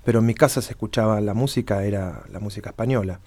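This interview guest is a middle-aged flamenco musician from around Buenos Aires, speaking with that city's Spanish accent. His mellow, fairly low voice moves quickly as he reminisces in a relaxed, conversational interview.

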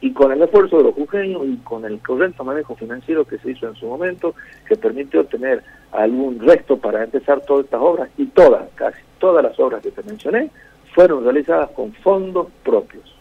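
Argentine man, husky and gravelly, minister on a tinny phone line, halting then emphatic. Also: medium pitch, animated. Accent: Argentine Spanish. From Jujuy, Argentina. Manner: hesitant, repeats words, then emphatic listing. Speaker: provincial minister. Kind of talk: radio interview by phone.

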